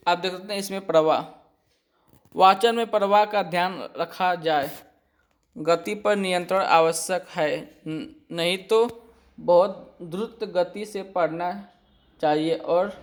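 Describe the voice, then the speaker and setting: A man teaching an exam-prep lesson. He reads out each point and then explains it again more simply, often pausing to check with his students. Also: sits high. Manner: slow and deliberate, often checking with "ठीक है".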